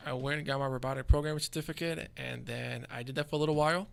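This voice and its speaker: A young man who is a guest on a casual interview, agreeable and quick to say yeah, explaining his work. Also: mid-range voice, steady tone, gravelly.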